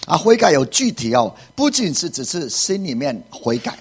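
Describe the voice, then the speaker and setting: Pastor, male, husky voice, emphatic sermon delivery with repetition. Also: fairly high pitch, sing-song, moderate pace. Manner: emphatic preaching with repeated phrases and rhetorical questions.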